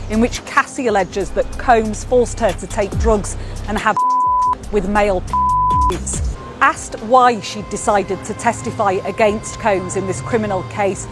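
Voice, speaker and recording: A woman reporter delivering a scripted news report on a court case. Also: medium pitch.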